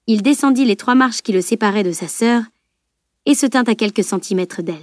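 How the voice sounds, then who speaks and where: A woman narrating an audiobook with an even, measured reading. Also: on the high side, dry recording, clean studio sound. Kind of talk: scripted narration.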